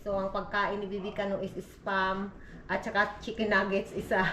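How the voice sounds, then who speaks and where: A woman's voice: medium pitch, monotone, normal speed, sharp tone, roomy sound, a little hiss or hum. A Filipino woman with a Visayan accent, chatting casually to her viewers in a home vlog, her nose a little stuffy from the cold. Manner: chatty, addresses viewers as "inday", switches between Tagalog, Bisaya and English. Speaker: vlogger mother. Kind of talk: casual family vlog talk.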